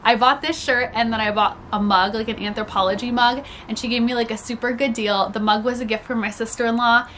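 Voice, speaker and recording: Fairly quick with few pauses, her voice is on the high side, steady, and a bit bright, with slight background noise. She is a young reseller vlogger, a little congested from a cold, chatting upbeat about her thrift haul in a small home room with storage bins, full of "like" and laughter.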